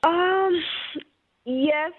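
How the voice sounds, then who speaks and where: Her voice is very high-pitched and she draws out her words as she speaks earnestly, often starting her sentences over. She is a business owner from Haiti being interviewed on the radio, heard through a tinny, phone-like broadcast.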